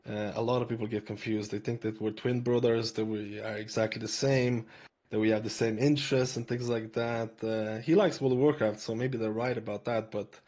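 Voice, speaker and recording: A young man from Lithuania with a mixed Irish accent, chatting casually as a podcast guest and telling stories in a relaxed way. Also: lowish voice, normal speed. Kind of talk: casual interview chat.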